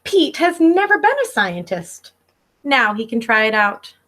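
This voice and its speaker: In a fairly high, fairly bright voice with big pitch swings, a teacher in her thirties reads a picture book without hurrying. Addressing children from her living room, she's both expressive and instructive.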